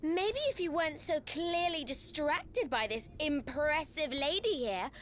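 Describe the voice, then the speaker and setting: A woman voicing a bossy, sharp-tongued young girl mage in a video game, snappy and indignant. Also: sits high, animated, unhurried, a crowd in the background.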